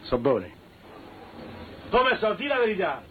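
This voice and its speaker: A man's voice: high voice, big pitch swings, measured pace, narrow, tinny audio, a little hiss or hum. An actor with a Roman accent playing a boastful, menacing father who threatens his daughter's suitor. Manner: boastful, menacing, shouting at times. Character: blustering Roman father, proud, threatening tough guy. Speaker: actor in a film scene.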